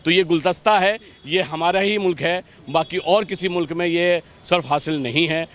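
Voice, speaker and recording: A man giving a street interview outdoors, speaking in a measured way and criticising plainly. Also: on the high side, fairly bright tone.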